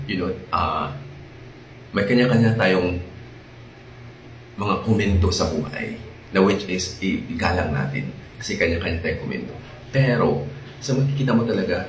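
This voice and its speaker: A man with a Filipino accent giving chatty, indignant vlog commentary, often asking his viewers to agree and slipping into English. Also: deep voice. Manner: chatty, indignant, repeats tag questions and mixes in English. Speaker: vlogger. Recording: echoey room with faint ambient noise.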